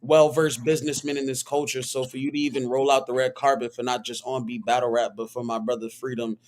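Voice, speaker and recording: A man's voice: medium pitch, little pitch movement, quick pace. A man hosting a casual podcast, asking loose, rambling questions and hyping up his guest. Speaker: podcast host.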